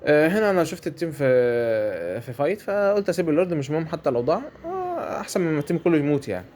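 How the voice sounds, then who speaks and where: A man's voice: on the high side, expressive, racing, darkish tone. A man with an Egyptian Arabic accent giving chatty commentary over a mobile game match, often repeating his phrases. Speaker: gameplay commentator.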